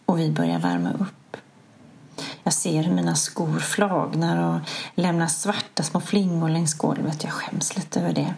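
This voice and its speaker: A middle-aged woman, host of a podcast, telling a personal story in a candid, self-mocking way with a soft, hushed delivery. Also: deep voice, animated, creaky.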